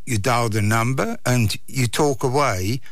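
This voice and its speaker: A man's voice: medium pitch, measured pace, no echo. A man with an English accent, middle-aged or older, explaining and recounting conversationally as an interview guest. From England.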